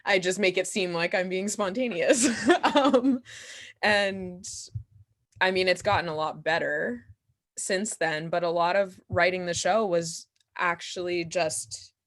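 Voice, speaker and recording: A young woman, a playwright and performer, answers interview questions as a guest in a casual, candid way, animated, giggly and self-deprecating. Her voice is fairly low-pitched.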